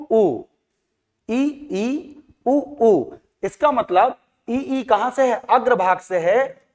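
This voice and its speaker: A man teaching a lesson, repeating sounds aloud and asking questions he then answers himself. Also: very high-pitched. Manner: drills sounds by repetition, asks and answers own questions. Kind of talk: classroom lecture. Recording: long hall reverb.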